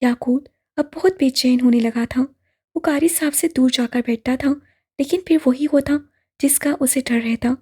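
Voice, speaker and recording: A woman narrating a novel audiobook in a slow, measured, somber way. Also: sits high, warm tone, husky. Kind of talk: novel reading.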